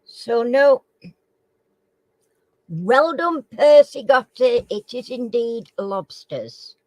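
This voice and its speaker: A woman with slightly slurred, toothless speech runs a live quiz in casual chat, reading the questions out and repeating them. Her voice is on the high side, expressive and a little mellow, with drawn-out words, captured in a dry, poor recording.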